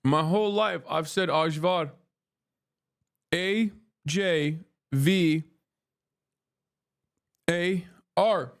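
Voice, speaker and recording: A Turkish man in his thirties with a fairly high voice talks very slowly and pauses a lot. He's streaming live as he eats, reading his chat out loud, arguing with it, and swapping profane banter with viewers.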